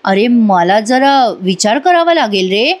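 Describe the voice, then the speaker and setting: A woman voicing a teasing, sarcastic young woman who mocks slowly and draws out her words. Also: on the high side, lively intonation. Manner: mocking, drawn-out teasing.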